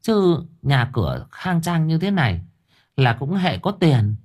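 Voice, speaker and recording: A man's voice: on the high side, very animated, measured pace, darkish tone, slightly rough, voice pushed up, heavily acted. A man voicing a chatty, opinionated village woman gossiping with neighbors in a storybook tale.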